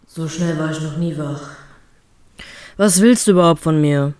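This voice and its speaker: A woman voicing a grumpy, sarcastic male pirate captain, speaking low and deadpan. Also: moderate pace, roomy sound, natural voice. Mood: irritated.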